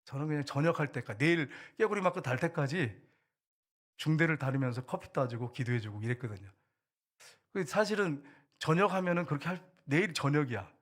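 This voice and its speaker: A man's voice: a little high, brisk. An older man, a pastor, preaching and telling a story from his own life, acting out the voices of the people in it. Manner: animated storytelling, acting out quoted soldiers. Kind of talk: sermon testimony. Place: church.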